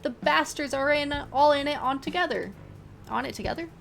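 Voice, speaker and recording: A woman's voice: medium pitch, brisk, creaky, faint music behind, natural voice. A woman doing an angry riverside resident man. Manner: indignant, cursing, raised.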